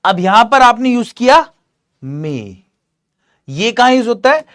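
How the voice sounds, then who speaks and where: A man teaching a grammar lesson in a lively, joking way, often asking his students questions. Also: extremely high pitch, a little slow.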